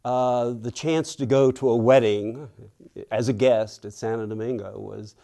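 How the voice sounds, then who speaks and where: An older author from Western Pennsylvania, with a medium-pitched, dark, steady voice and vocal fry, tells reflective stories in an interview. Thoughtful and unhurried, he acts out the voices of the people he quotes.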